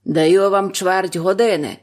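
A woman's voice: mid-range voice, steady tone, a little mellow, lightly acted. Bluebeard, a woman playing a cold menacing husband. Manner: slow, cold, commanding. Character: menacing man, cruel bearded husband.

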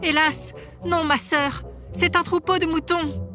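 A man voicing a young sister keeping watch from a tower, in a soft, high falsetto, in a storybook reading. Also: fairly even intonation, a little slow, faint music behind, full character voice. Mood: watchful.

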